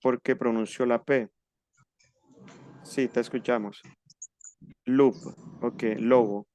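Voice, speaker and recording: A man teaching a French class over a video call, patiently slowing down to model pronunciation. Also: medium pitch, fairly even intonation, a little mellow. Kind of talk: online class instruction.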